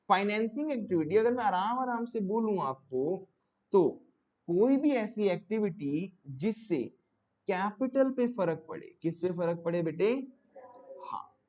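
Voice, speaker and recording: High-voiced male commerce teacher quizzing students. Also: a little mellow. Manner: repeats questions to students, coaxing. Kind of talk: classroom lecture.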